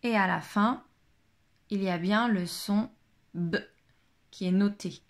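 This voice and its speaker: A woman pitched in the medium range plays a phonics listening game with a child. She says every word twice, sounding out each part slowly and with care.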